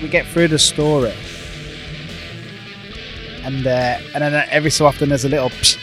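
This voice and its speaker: A man's voice: a little high, fairly even intonation, normal speed, music in the background. A British man hosting a podcast, chatting casually and with enthusiasm. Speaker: podcast host. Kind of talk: casual chat.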